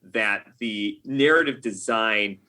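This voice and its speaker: Fairly low-pitched and taking his time, an American video game writer gives conversational answers as a podcast interview guest. His tone is bright and forceful, and he regularly backs up mid-explanation to phrase things differently.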